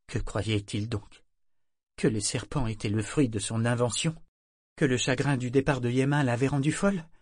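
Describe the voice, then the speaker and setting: A man reading a novel as an audiobook narrator in a measured, even manner. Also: mid-range voice, no echo, studio quality. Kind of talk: scripted narration.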